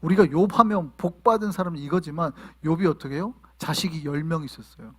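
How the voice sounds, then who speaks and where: A male pastor preaching a sermon to his congregation, asking them questions and sometimes shouting. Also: on the high side, quick pace, slightly rough. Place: church in New York.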